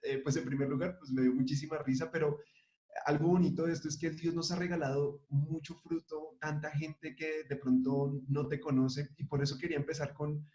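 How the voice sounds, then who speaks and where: A man interviewing a guest, asking questions in a halting, friendly way with many fillers. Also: fairly high pitch, flat delivery, mellow. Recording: echoey, dull lo-fi room sound.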